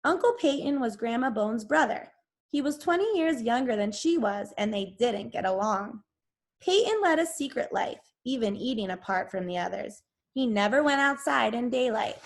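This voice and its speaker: Teacher, a bit raspy and higher-pitched, read-aloud storytime. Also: female voice, expressive, moderate pace.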